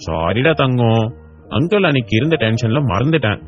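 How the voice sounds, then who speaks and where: A man voicing a kind adult who gently coaxes and comforts a crying child, for an audiobook. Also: mid-range voice, very animated, normal speed, highs cut off, soft background music, close to an everyday voice. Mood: coaxing. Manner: gentle, coaxing, affectionate. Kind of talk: audiobook character voice.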